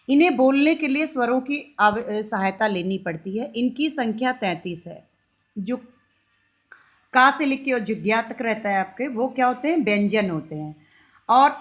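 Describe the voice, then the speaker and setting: A school teacher with an Indian accent and a high voice works through a recorded lesson for young pupils. She talks patiently, repeats each example and sounds it out slowly, and keeps posing questions that she answers herself.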